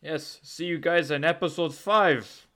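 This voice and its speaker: A man's voice: a little high, unhurried, bright, forceful tone. A man co-hosting a casual podcast with laid-back, dry teasing remarks. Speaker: podcast co-host.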